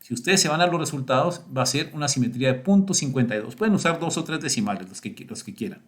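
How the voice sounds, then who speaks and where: A man's voice: mid-range voice, lively intonation, quick pace. Patient teacher, man. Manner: patient, explaining step by step and often checking "¿sí?" and "miren". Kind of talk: recorded screen-share statistics lesson.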